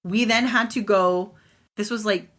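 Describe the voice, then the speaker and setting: A woman's voice: medium pitch, a little slow. A woman co-hosting a podcast, telling a long personal story in casual chat and acting out the voices of people in it. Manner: animated storyteller, acts out quoted voices. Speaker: podcast co-host.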